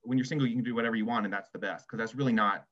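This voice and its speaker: Joining a literary festival panel over a dull, lo-fi video call, a male essay writer races along in a fairly low, fairly bright voice. He sounds casual and reflective, yet hesitant and quick to put himself down.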